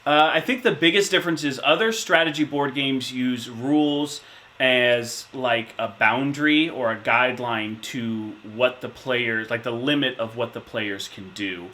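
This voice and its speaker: A man in his thirties answering interview questions, telling a memory in a relaxed, reflective way with many fillers. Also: medium pitch, a little slow. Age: 30s. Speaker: interviewee, insurance manager.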